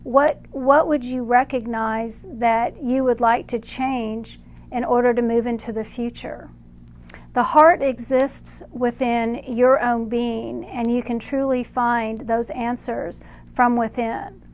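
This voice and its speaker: A woman with a slightly high voice delivers channeled spiritual guidance. She talks slowly and deliberately, pausing between phrases. She refers to herself as "we" while she relays it. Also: steady tone, a little mellow. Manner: slow, measured, speaks as "we" for unseen guides.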